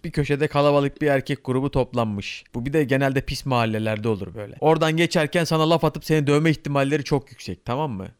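Fast-talking young man, dry close mic. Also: mid-range voice, clean tone, no room sound. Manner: joking storyteller, swears freely. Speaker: podcast co-host. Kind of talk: casual chat.

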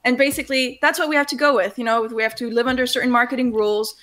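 Woman explaining with loose pauses. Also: on the high side, steady tone, a bit bright. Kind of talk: casual panel chat.

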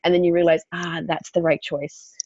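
A woman co-hosting a podcast in casual chat, animated and laughing often. She is sick, and she clears her throat and coughs now and then. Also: on the low side, moderate pace, no echo, dull audio. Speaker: podcast co-host.

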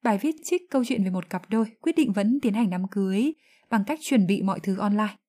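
A woman whose first language is Vietnamese, explaining English phrases in a lesson with calm, careful pronunciation. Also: mid-range voice, fairly quick. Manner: calm, clear, careful enunciation of English examples. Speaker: English teacher.

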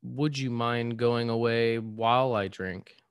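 A man's voice: mid-range voice, fairly even intonation, takes it slowly, smooth, no echo, studio quality. A man voicing a frightened, thirsty young girl who speaks hesitantly. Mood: timid.

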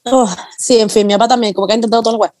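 A woman's voice: a little high, fairly even intonation, rapid-fire, darkish tone, no room sound. A young adult woman with a Chilean accent, chatting casually and rambling with lots of slang as a podcast co-host. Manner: slangy, rambling, laughs often. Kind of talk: casual chat among friends.

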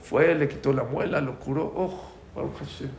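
A man's voice: mid-range voice, moderate pace, creaky, darkish tone, roomy sound, slight background noise. A man teaching a religious class, telling stories and asking his listeners questions, using Hebrew terms. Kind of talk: storytelling class lecture.

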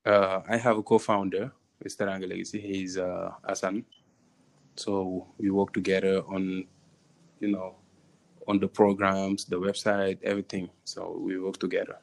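A man with a Senegalese accent gives conversational interview answers. His voice sits on the low side and moves very little in pitch. He is hesitant, often repeating a phrase before he carries on. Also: level tone, moderate pace, creaky, rough recording. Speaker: interviewee, tourism venture co-founder.

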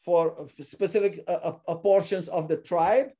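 Male guest from Suriname, earnest and halting, fairly high, warm tone. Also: fairly even intonation. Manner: earnest, often repeats words while searching for them. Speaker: ministry founder, guest. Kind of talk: casual interview talk.

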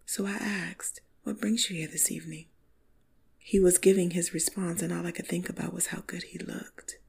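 A woman narrating an intimate first-person story in a slow, sultry, breathy half-whisper. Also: on the low side, darkish tone. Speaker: podcast storyteller.

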